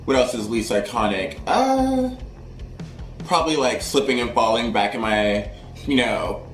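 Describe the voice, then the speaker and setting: Giggly, unhurried man in echoey room. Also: mid-range voice, expressive. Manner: giggly, joking. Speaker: co-host. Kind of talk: casual comic chat. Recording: roomy echo with music.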